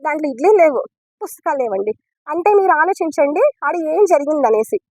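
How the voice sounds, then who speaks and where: A woman's voice: sits high, animated, fairly quick, a little mellow, no echo. A woman gives a statement to news reporters as a mother and teacher. She sounds earnest and upset and recounts events step by step, ending sentences politely. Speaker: mother and school biology teacher.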